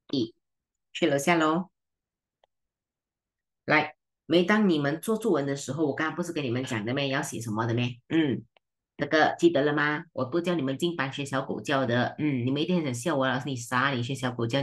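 Woman tutor, Malaysian Mandarin accent, low voice, brisk and teasing, switches between languages. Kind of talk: online seminar lesson.

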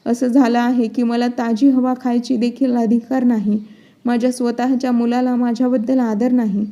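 A woman's voice: on the high side, level tone, normal speed, lo-fi sound, close to an everyday voice. A woman voicing an elderly widowed mother who firmly scolds her son and daughter-in-law. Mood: complaining. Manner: forceful, scolding reading.

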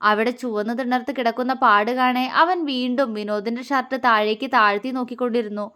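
A woman storyteller narrating a family love story in a gentle, expressive reading. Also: a little high, a little fast, smooth.

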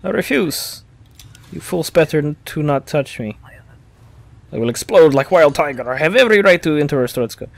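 A man putting on a loud, boastful, stubborn male traveler from a video game, speaking in broken English. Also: medium pitch, level tone, measured pace, pauses often, clean tone, close to an everyday voice. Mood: defiant.

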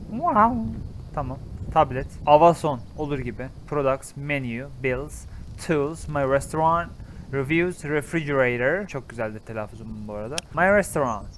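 A young man with a Turkish accent gives casual let's-play commentary, excitable and exclaiming, swinging from loud outbursts to low muttering. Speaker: gaming YouTuber.

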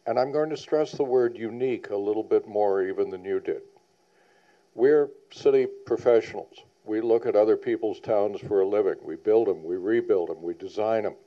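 A man's voice: lowish voice, normal speed. A man on a planning panel giving a public presentation, earnest and emphatic, repeating key points. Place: public meeting hall. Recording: dull lo-fi sound.

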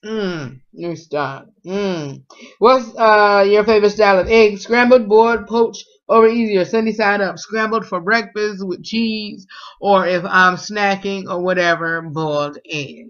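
The young man's voice sits high and a bit bright, moving at a measured pace. It's a casual food tag vlog: indoors in a small home room, he reads questions and answers them with lots of fillers. Dull, lo-fi audio comes from a webcam at close range.

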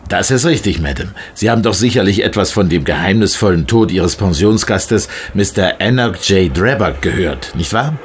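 An actor playing an official, self-satisfied Scotland Yard inspector in a radio play, questioning formally and briskly. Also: male voice, deep voice, lively intonation, a little hiss or hum. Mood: businesslike. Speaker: actor in an audio drama. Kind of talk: German radio play dialogue.

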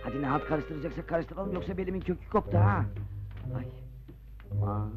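An actor in an old film playing a scrappy young street rascal who grumbles and quips. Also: male voice, on the high side, animated, natural voice. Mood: grumbling. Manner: quick, cheeky, complaining. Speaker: street rascal raiding a liquor stash. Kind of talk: 1960s Turkish film acting. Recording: dull old film soundtrack with music.

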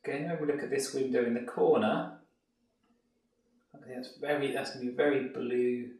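A man's voice: medium pitch, normal speed, distant mic. Man teaching painting, echoey room. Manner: relaxed, explanatory, thinking aloud while painting. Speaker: art tutor. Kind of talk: painting tutorial voice-over.

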